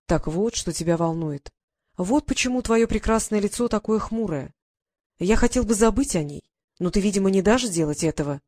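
A woman's voice: mid-range voice, expressive, moderate pace, a little mellow, dry recording, close to an everyday voice. Woman reading a cool, ironic male clockmaker lord. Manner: dry, mocking.

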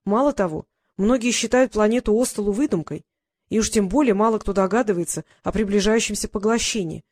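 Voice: medium pitch, a little fast, a little mellow, natural voice. An earnest boy who dreams of building and likes to explain how things work, as a narrator puts him on. He talks eagerly in a storybook reading, with a lift in his questions.

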